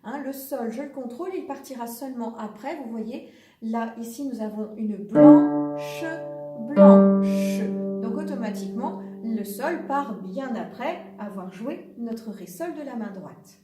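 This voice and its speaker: A woman's voice: on the high side, moderate pace, warm tone, reverberant, far from the mic. A woman giving a patient, step-by-step piano lesson, counting the beats aloud as she plays. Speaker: piano teacher.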